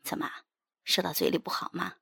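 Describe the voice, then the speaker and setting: A woman voicing a brash, teasing young master, dropping into a husky, gravelly whisper. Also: brisk, sharp tone, no room sound, studio quality, natural voice. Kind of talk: storybook character voice.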